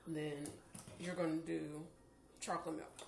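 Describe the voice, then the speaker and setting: A woman's voice: deep voice, little pitch movement, a little slow. A tired woman recovering from surgery, casually giving practical advice to viewers in a vlog. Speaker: vlogger sharing her jaw surgery recovery. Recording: echoey room with clear background noise.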